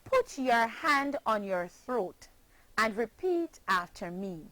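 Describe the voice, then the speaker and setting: A woman's voice: on the high side, sing-song, slow pace, a bit bright, dry recording, low-quality recording. A woman with a Jamaican accent teaching a phonics lesson, speaking in a careful, over-articulated and encouraging way. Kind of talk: slow, clearly paced phonics lesson.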